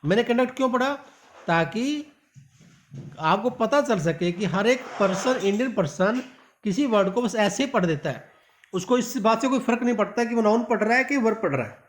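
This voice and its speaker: A man's voice: high-pitched, rough recording. A man teaching English pronunciation, stretching out example sentences word by word and calling his learners "my dear". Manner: slow, drawn-out reading of example sentences. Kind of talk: spoken English lesson.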